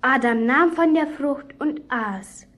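A woman's voice: sits high, takes it slowly, fairly bright tone. A woman acting a young girl in a children's radio play, earnestly retelling a Bible story to a boy.

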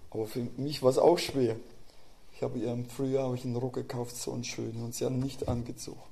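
A middle-aged man preaching a sermon, telling personal stories and swinging between quiet asides and loud, emphatic outbursts. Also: medium pitch, level tone, fast, vocal fry, a little hiss or hum.

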